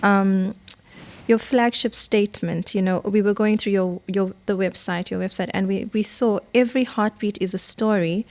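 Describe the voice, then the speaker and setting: A woman co-hosting a podcast, soft-spoken and a little hesitant as she asks questions. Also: medium pitch, fairly even intonation, normal speed. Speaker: podcast co-host. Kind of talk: interview conversation.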